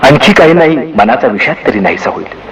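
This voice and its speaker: A man voicing a gentle, wise young boy who speaks in a soft, tender and patient way. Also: mid-range voice, big pitch swings, a little fast, distant mic, a little hiss or hum, low-quality recording. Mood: earnest. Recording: music behind the voice.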